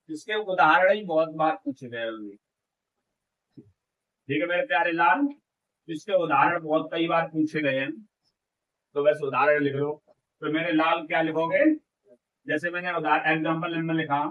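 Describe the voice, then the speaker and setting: Man, Hindi teacher, exam-prep lecture, bright ringing voice, fairly high, answers his own questions. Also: rough recording. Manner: repeats questions and answers them himself, drawn-out vowel demonstrations; affectionately addresses students.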